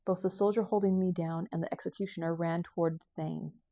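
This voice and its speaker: Author-narrator, woman, low dark voice, dry close read of her own novel. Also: no room sound. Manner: steady, unhurried reading with occasional slips. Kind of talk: first-person audiobook narration.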